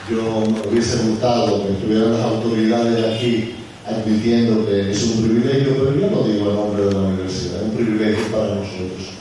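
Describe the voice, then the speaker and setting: Male event host, halting introduction, distant mic in a reverberant hall with clear noise. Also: on the low side, flat delivery, dark tone. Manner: hesitant, restarting phrases. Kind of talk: introducing speakers. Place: university auditorium with audience.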